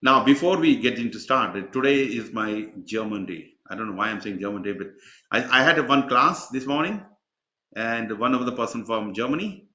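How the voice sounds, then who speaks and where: A man's voice: medium pitch, lively intonation, normal speed, bright, forceful tone. A man hosting an online webinar, chatty and rambling, with many fillers. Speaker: webinar host and exam mentor. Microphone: video call. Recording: dull, echoey video call audio.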